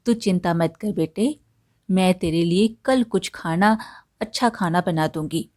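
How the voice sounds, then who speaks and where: Woman doing a gentle poor mother. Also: fairly low pitch, unhurried, natural voice. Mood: caring. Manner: soothing, motherly.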